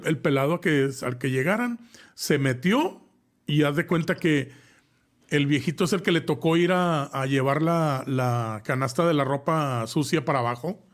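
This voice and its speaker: Chatty man telling a horror story. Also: medium pitch. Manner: rambling with many "este" fillers and restarts; chatty, addresses co-host directly with slang. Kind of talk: casual live-show storytelling.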